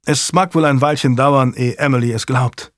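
A man's voice: mid-range voice, fairly even intonation, moderate pace, dry recording, studio quality, natural voice. A man voicing a curt, guarded young male servant in a storybook.

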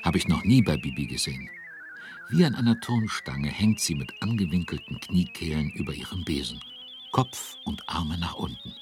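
A man's voice: extremely low pitch, lively intonation, normal speed, over music. A man narrating a children's audio drama in a storytelling manner. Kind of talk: scripted narration.

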